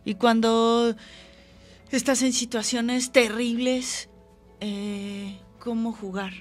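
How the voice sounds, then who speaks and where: A woman's voice: on the high side, fairly even intonation, slow pace, faint music behind. A woman hosting an interview, asking probing and personal follow-up questions. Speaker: interview host.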